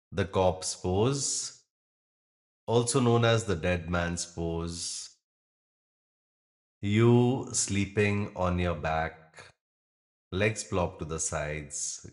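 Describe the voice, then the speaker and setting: A man with a deep voice guides a yoga nidra meditation, speaking gently, soothingly and in a measured way, with pauses between phrases.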